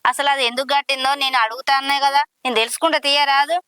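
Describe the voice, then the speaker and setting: A woman's voice: sits high, steady tone, fast, bright, forceful tone, dry recording, studio quality. A woman playing a scolding village mother. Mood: worried. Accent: Telangana Telugu. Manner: scolding, fussing, reassuring. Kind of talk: village drama acting.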